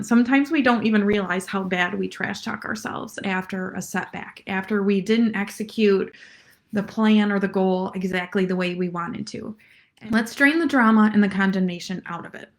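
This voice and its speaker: A woman health coach and trainer, speaking casually and directly to her viewers with frequent laughs. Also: medium pitch. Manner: chatty, addresses viewers directly, laughs often. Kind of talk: casual motivational talk to camera.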